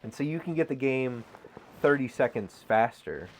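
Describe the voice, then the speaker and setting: A man's voice: mid-range voice, expressive, moderate pace, a little hiss or hum. A man who is a guest on a stream, chatting casually, chuckling a lot and floating odd ideas. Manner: quiet, chuckling, offbeat ideas. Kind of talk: casual chat.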